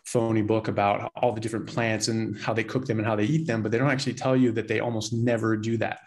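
A man's voice: on the low side, little pitch movement, fast talker, a little mellow. A man in his forties, a doctor guest on a casual interview, talking over a video call from a small plain room and often repeating words as he starts a thought. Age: 40s.

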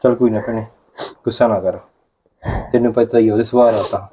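A man's voice: lowish voice, fairly even intonation, brisk, warm tone, husky. A man playing a stern husband who scolds his wife and comforts his sister. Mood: soothing. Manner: stern, reproachful. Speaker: husband and brother.

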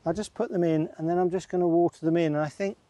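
This time his voice is fairly high and warm, fast, with fairly even intonation, as the middle-aged gardening vlogger chats and laughs to himself during digging and planting on his allotment. The audio comes from a camera mic that is sometimes far from the camera.

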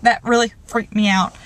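Young woman, slightly high voice, jittery rambling car vlog, shaken. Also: fairly bright tone. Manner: rambling and jittery, many fillers and restarts. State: shaken and nervous. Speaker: vlogger. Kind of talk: casual vlog in a parked car. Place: inside a parked car. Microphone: handheld camcorder.

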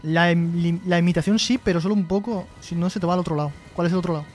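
Man, high voice, live-stream host, jokey reading chat aloud, light music in the background. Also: fairly even intonation, fast talker, a little mellow. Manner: joking, reads chat messages aloud and replies.

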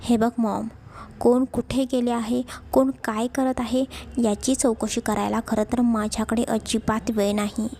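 A woman's voice: fairly high pitch, little pitch movement, unhurried, warm tone. Woman reading an irritable young husband. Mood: irritated. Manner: short, snappish replies.

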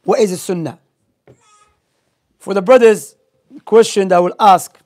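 This young man's voice is high-pitched and a little mellow, and he speaks at a measured pace. As a religious teacher, he's giving an informal Islamic lesson in a small indoor library room, using non-native English with Arabic terms as he tells stories and asks quiz questions. He speaks into a gooseneck microphone held close to his mouth.

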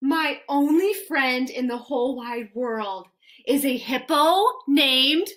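A woman's voice: high-pitched, slow, fairly bright tone. A woman teacher reading a picture book aloud to children with playful, mock-dismayed reactions.

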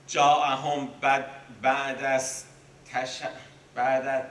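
A man's voice: medium pitch, level tone, a bit bright. A man teaching a poetry class, reciting verses and then explaining them casually, often stopping to correct himself. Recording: echoey room, mic at a distance.

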